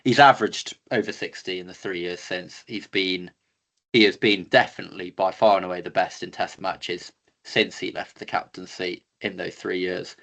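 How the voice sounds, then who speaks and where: A man's voice: low-pitched, steady tone, moderate pace, fairly bright tone. A young man co-hosting a casual sports chat, confident and cheeky, stating bold opinions. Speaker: co-host.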